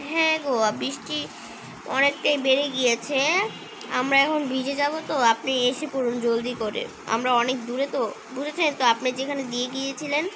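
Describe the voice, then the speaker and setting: A woman's voice: high voice, steady tone, fairly quick, lightly acted. A woman voicing a polite, deferential male taxi driver who calls his riders madam. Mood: obliging. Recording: noisy home recording.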